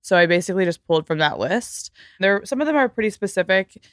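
A woman's voice: mid-range voice, expressive, fast talker, no echo, clean studio sound. A young woman hosting a podcast, talking casually and emphatically with lots of "like". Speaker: podcast host. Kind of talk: casual podcast chat and read ad.

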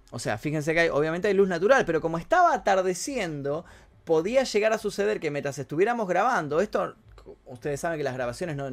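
Excitable young Argentine man commenting. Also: on the high side. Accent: Argentine Spanish. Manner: excitable, swears freely, laughs at himself. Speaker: youtuber commenting on his video. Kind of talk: casual commentary.

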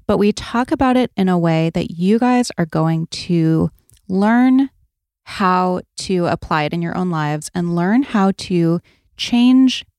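A woman's voice: fairly low pitch, darkish tone, dry recording, clean studio sound. A woman hosting a podcast, introducing things in an informal, conversational way. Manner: informal, peppered with "like". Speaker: podcast host.

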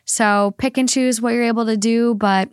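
A woman's voice: on the high side, steady tone, normal speed, smooth, dry recording, clean studio sound. A woman co-hosting a podcast, chatting casually and enthusiastically with her co-host. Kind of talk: casual chat.

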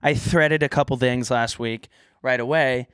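A man's voice: medium pitch, fairly even intonation, a little slow, fairly bright tone, clean tone, no room sound, studio quality. A man co-hosting a podcast in casual, comedic chat, joking and self-deprecating, who pronounces his th sounds as f. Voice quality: says th sounds as f. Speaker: podcast co-host.

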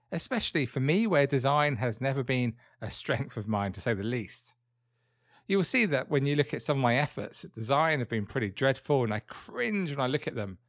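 A man's voice: medium pitch, dry recording. British man, true crime narrator, dry close sound. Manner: conversational, dryly wry asides addressed to the listener. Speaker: podcast host.

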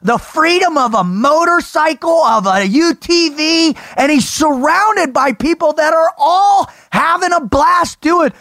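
High-pitched, slangy American male host. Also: measured pace, few pauses, no room sound, clean studio sound. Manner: animated, slangy, bro-ish talk. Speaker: host of an interview show. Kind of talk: casual chat and storytelling.

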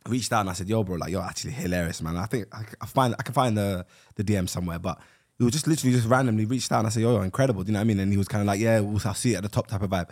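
A man's voice: on the low side, very fast, darkish tone. A young man telling a story in casual chat, informally checking that listeners follow.

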